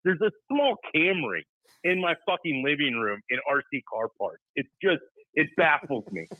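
A man's voice: fairly high pitch, very animated, no echo, phone-quality sound. A man appearing as a guest from a battery company on a casual podcast, ranting hotly and swearing freely. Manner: heated, profane, rapid ranting.

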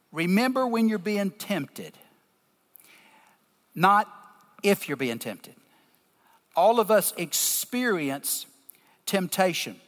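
A man with a deep Southern US accent preaching a sermon, teaching scripture emphatically and deliberately in short, broken phrases. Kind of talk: sermon, explaining scripture to a congregation. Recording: long reverberation of a large hall.

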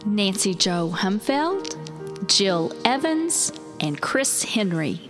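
A woman's digitally echoed voice reads one name after another at an unhurried, steady pace. Her delivery is measured and clear, and faint background music sits under her. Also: medium pitch. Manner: slow, measured reading of names. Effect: digital echo on the voice. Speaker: podcast co-host.

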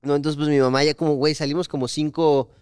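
Young mexican dude, co-host, talks fast and slangy, super clear dry sound. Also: male voice, a little high, dry recording. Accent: Mexican Spanish. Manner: slangy, animated storyteller. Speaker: podcast co-host. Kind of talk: casual chat.

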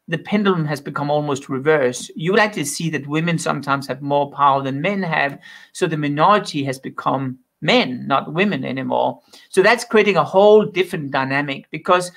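A man's voice: fairly high pitch, a bit bright. A man from Denmark, an author answering interview questions in an opinionated way and making bold claims. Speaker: author and guest.

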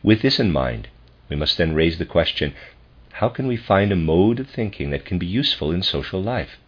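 A man with a husky voice reading a scholarly philosophy lecture aloud in a formal, deliberate, professorial manner. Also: deep voice, big pitch swings. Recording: dull lo-fi recording.

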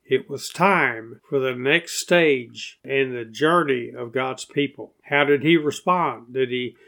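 Slow, emphatic preacher man. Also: a little high, creaky. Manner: emphatic, rising to loud exclamations on key words; repeats and restarts phrases while teaching. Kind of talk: recorded sermon teaching.

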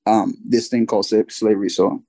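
A man co-hosts a faith podcast and reads scripture aloud, stumbling and restarting as he goes. His voice has a dark, mellow tone, recorded dry and close. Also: on the low side, little pitch movement, no echo, rough recording. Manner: halting, with many fillers and restarts. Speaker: podcast co-host.

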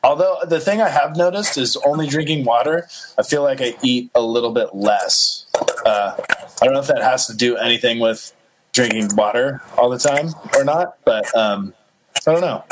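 A man's voice: mid-range voice, normal speed, background noise. A man hosting a podcast in casual chat, rambling with lots of fillers. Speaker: podcast host.

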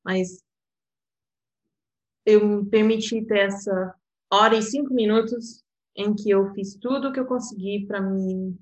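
The Portuguese interpreter's mid-range voice is fairly even and a little mellow, moving a bit slowly with long pauses. A guest with a European Portuguese accent, she reflects personally in casual conversation. Laughter comes often, along with frequent "sabe?"

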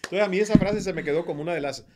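A man from Cuba with no accent, a podcast guest talking about meditation in a casual, emphatic conversation with crisp articulation. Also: high-pitched, very fast, crowd noise.

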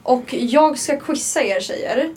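A woman's voice: high voice, lively intonation, loud music behind the voice. A young woman hosting a student radio show, steering the chat with questions and laughing often. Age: young adult. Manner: leading, asks questions, giggly. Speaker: radio host, quiz leader. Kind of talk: casual studio chat. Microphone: studio microphone.

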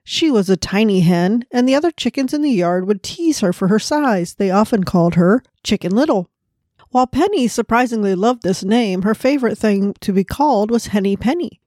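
A woman's voice: medium pitch, expressive, normal speed, no echo. Earnest woman, close dry mic. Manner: earnest, prayerful, gently storytelling. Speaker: podcast host. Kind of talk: devotional podcast and storybook narration.

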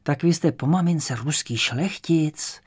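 A man's voice: on the high side, breathy edge. A man reading an audiobook, voicing a small, chatty old landlady of about seventy who talks in a cautious, fussy way. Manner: fussy, cautious, then eager and warm. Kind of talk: audiobook character voice.

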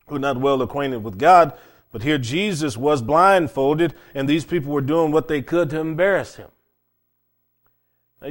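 A man delivers a sermon in an easy, conversational way, his voice sitting a little high for a man. He speaks plainly and leans on repetition, saying key phrases twice or more to drive each point home. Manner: plain-spoken, repeats phrases for emphasis. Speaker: preacher.

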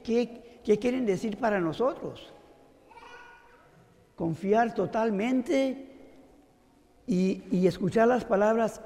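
A man's voice: high voice, gravelly, dark tone, in a large hall. A man preaching a sermon, telling a story and often asking his listeners rhetorical questions.

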